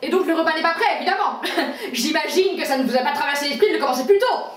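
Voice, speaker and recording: A woman's voice: sits high, lively intonation, fast, a crowd in the background. A woman playing a bossy bourgeois lady of the house who scolds her maid imperiously. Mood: haughty scolding. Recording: roomy echo, far from the mic.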